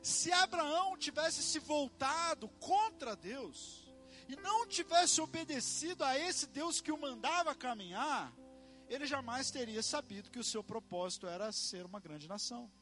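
A man's voice: extremely high pitch, expressive, unhurried, sharp tone, faint music behind. A man preaching a sermon, emphatic and rhythmic, repeating phrases and calling out amen to the congregation.

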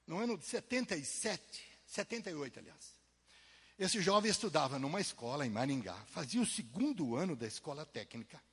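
A man preaching a testimony sermon, telling a story in an animated way, swinging from soft asides to loud emphasis, with a husky voice. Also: fairly high pitch, brisk. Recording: long hall reverb.

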